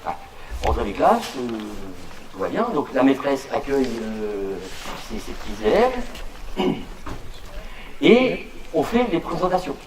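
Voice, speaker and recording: Animated stand-up comic in a roomy hall. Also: male voice, medium pitch, takes it slowly, pauses often, noisy background. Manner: animated, stammering restarts, acts out voices. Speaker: stand-up comedian. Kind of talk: stand-up comedy storytelling. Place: live show venue with audience. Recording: roomy live stage sound from a distance, audience.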